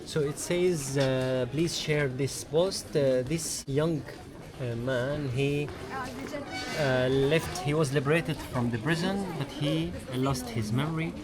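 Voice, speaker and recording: A man acting as local guide, translating for a visitor in a halting way with many pauses, outdoors in a crowded square. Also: on the high side. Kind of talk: translating in casual conversation. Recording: outdoors amid a busy crowd.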